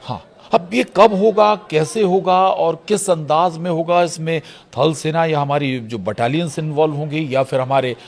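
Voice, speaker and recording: A man's voice: fairly high pitch, steady tone, moderate pace, vocal fry, few pauses. A man anchoring a studio news discussion, asking probing questions and giving short listening cues.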